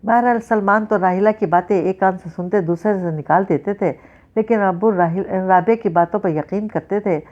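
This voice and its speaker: A woman reading an episode of a novel aloud, narrating and speaking the characters' lines in a mostly plain voice. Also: mid-range voice. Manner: reads all characters' dialogue in a mostly plain voice, with small restarts. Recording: dull lo-fi recording.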